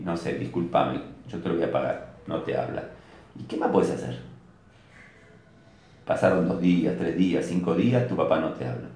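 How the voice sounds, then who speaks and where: An Argentine man teaching a religious class, his voice rising and falling a lot as he tells stories. It sounds low and sits in a very echoey room. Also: gravelly. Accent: Argentine Spanish. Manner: storytelling with rhetorical questions, animated. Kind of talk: religious lecture.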